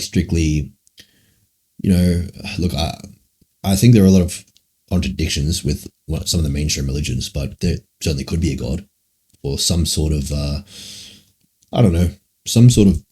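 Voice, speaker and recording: Very deep-voiced young man streaming. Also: moderate pace, long pauses, warm tone, breathy edge. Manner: rambling, profane, full of "like" and "man". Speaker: livestreamer. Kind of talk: casual livestream Q&A answering chat.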